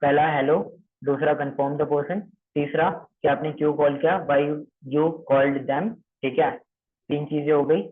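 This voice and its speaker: A man's voice: a little high, level tone, a little slow, slight background noise. A man coaching trainees through a calling script, repeating points, checking they understood, and slipping English phrases into his talk. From Maharashtra. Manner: repetitive, checks understanding often; mixes English phrases into Hindi. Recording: tinny phone-like audio.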